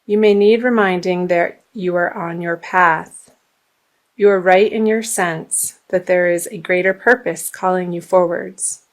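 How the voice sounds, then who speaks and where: A woman giving a tarot reading, gently reading guidance text aloud, her voice slightly hoarse. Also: lowish voice, fairly even intonation, a little slow. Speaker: tarot reader.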